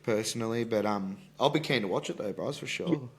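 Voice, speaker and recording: A man's voice: on the low side, a little fast, husky. A young man with an Australian accent having a casual, slangy, blokey sports chat with plenty of swearing. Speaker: fight prediction podcast host.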